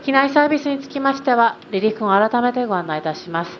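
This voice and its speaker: A female flight attendant making a formal, polite in-flight cabin announcement over the plane's public-address loudspeaker. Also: on the high side, lively intonation, rapid-fire. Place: airplane cabin. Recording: muffled lo-fi cabin recording, faint hum.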